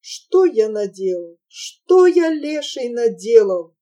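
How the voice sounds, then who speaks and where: A woman's voice: a little high, slow, warm tone. Woman voicing a despairing merchant father. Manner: lamenting, exclaiming. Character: desperate grieving merchant father, middle-aged man.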